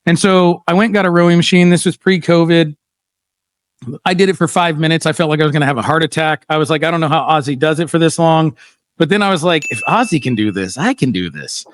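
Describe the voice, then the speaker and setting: A middle-aged man hosts a casual livestream chat, blunt and animated, telling stories with plenty of "um" and "like." His voice sits a little high for a man. The sound is dry and close, with almost no room around it. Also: fast, no echo. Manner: blunt, animated storytelling with frequent fillers. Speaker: podcast host.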